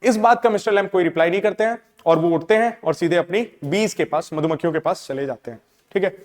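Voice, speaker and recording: A male teacher explains a play line by line, checking in often with his listeners. His voice is high for a man. The recording carries a long reverb, as in a large hall. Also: fast talker, a little mellow. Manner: explains each line and keeps checking in with "ठीक है". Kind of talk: line-by-line literature lesson.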